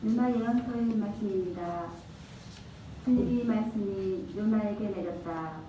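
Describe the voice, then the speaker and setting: A woman lector reading scripture at Mass in a formal, deliberate way. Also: mid-range voice, dark tone, slight background noise. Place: large echoing church hall. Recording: dull, distant, very echoey church.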